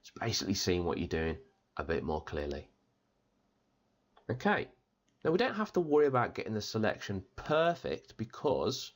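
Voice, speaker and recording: Man with a post-surgery strained voice. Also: lowish voice. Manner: chatty, upbeat, informal. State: voice strained after an operation. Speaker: tutorial host. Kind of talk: step-by-step software tutorial.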